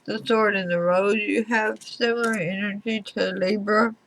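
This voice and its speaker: A woman giving a tarot reading to viewers in deliberate short phrases, her speech slightly slurred as if from a swollen mouth. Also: medium pitch, steady tone, a bit bright, a little hiss or hum, low-quality recording. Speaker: tarot reader.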